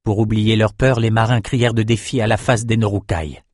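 A man reading a fantasy novel aloud in steady, measured scripted narration. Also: lowish voice, no echo, clean studio sound. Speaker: audiobook narrator.

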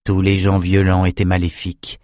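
A man reading a novel aloud in a steady, measured narration. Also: low-pitched, no room sound, studio quality. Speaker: audiobook narrator. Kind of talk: scripted narration.

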